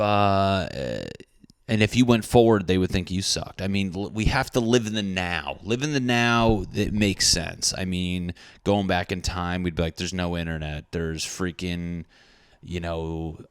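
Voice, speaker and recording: Deep-voiced man rambling on his podcast. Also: clean tone, no room sound. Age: 30s. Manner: rambling, crude and self-mocking. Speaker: podcast host. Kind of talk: casual solo podcast monologue.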